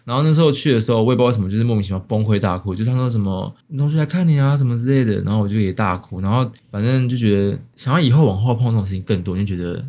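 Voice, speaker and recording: A young man with a Taiwanese Mandarin accent, co-hosting a casual podcast chat, rambling with many restarts and quick laughs. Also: lowish voice, darkish tone. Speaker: podcast co-host.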